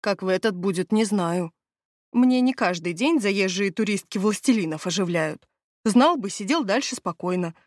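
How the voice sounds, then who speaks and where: A woman's voice: mid-range voice, animated, normal speed, no room sound, clean studio sound, close to an everyday voice. A woman reading the part of a grumbling, evasive male castle steward in an audiobook. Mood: complaining. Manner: whining, evasive, haggling.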